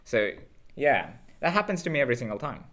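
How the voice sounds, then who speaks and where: A man's voice: mid-range voice, fast. A man from India hosting a casual podcast chat, joking and repeating himself as he talks. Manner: animated, jokey, repeats himself. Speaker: podcast host.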